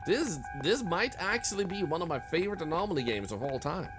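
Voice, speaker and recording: A man doing live gameplay commentary as a streamer, excitable, laughing often and yelping at sudden scares. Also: fairly high pitch, fairly quick, music in the background. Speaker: streamer playing a horror game.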